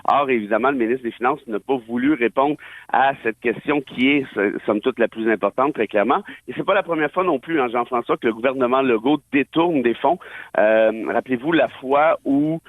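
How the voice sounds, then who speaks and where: A man's voice: mid-range voice, brisk, dry recording. A man with a Québécois accent giving emphatic, opinionated radio commentary with wry asides. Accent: Québécois French. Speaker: political and legal commentator. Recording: tinny dry phone line.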